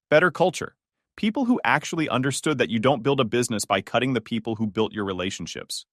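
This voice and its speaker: A man reading a scripted first-person story in an even, measured way. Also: medium pitch, dry recording, clean studio sound. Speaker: story narrator.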